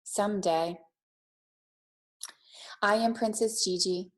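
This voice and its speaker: The teacher here has a medium-pitched voice and talks a little slowly. She reads aloud to young children and gives them a challenge, her delivery simple, warm with encouragement, and aimed at kids.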